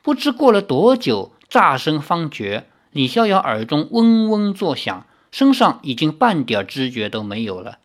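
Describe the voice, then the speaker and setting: Audiobook narrator, expressive, lively pitch, casual asides. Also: measured pace, hardly any pauses. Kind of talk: dramatic novel reading.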